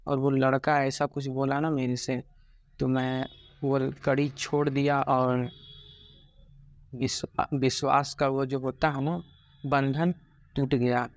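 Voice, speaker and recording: A heartbroken young man speaks haltingly in a personal vlog, stopping and restarting often. His voice stays flat and low-key, with little rise or fall. The sound is dry and close, with no room around it. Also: no echo. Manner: halting, many fillers and restarts, subdued and regretful. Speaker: vlogger.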